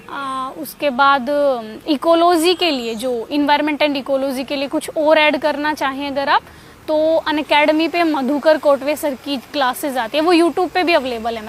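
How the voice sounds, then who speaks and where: A woman's voice: high-pitched, a little hiss or hum. A woman giving casual, conversational study advice with frequent fillers and restarts, as someone who passed the exam.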